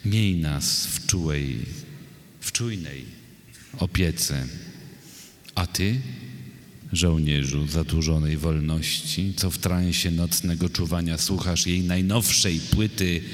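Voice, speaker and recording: A man giving a poetry reading in slow, measured recitation, with dry asides to the audience. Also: deep voice. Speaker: poet reading his poems. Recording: echoey hall with long reverb.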